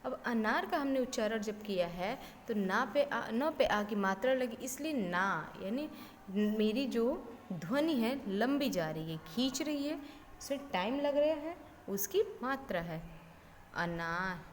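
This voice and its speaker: Slow-spoken woman teacher in an echoey room. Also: a little high, animated. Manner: repeats phrases and spells words letter by letter; mixes English words like ok and students into Hindi. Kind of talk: slow primary-school Hindi lesson. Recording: reverberant room with faint background noise.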